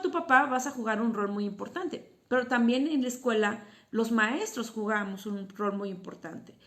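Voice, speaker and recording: A woman gives an informal lesson to parents about children's emotions. Her voice sits a little high and carries a gravelly edge. She explains step by step and keeps asking rhetorical questions before she answers them. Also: fairly bright tone. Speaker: psychotherapist and teacher. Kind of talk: informal educational talk to parents.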